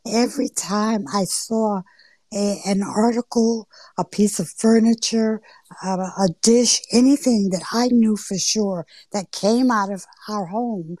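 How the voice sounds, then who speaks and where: Speaking as a panelist in a roundtable on a live audio forum, this middle-aged woman has a mid-range voice and a soft accent somewhere between the American South and North, reflecting her Georgia and New York background. She tells stories unhurriedly, drawing out phrases and dropping quiet asides, with no room sound in the recording.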